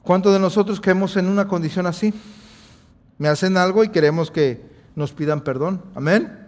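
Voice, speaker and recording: A man's voice: sits high, moderate pace, darkish tone, big-room sound. A man preaching a sermon, asking his listeners questions and then answering them himself. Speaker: pastor.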